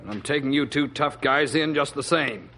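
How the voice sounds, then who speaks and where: A stubborn, blustering small-town sheriff from an old radio show. His voice sits in an ordinary middle pitch, gruff and quick to stumble when challenged. A faint hiss of an old radio broadcast runs beneath it. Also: sharp tone. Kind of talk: 1950s radio drama acting.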